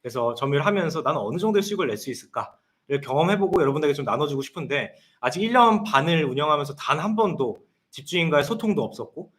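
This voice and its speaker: A man in his thirties speaks quickly in a fairly high voice. He is a consultant answering viewer questions on a live stream. He explains things point by point. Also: fairly bright tone. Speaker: guest consultant.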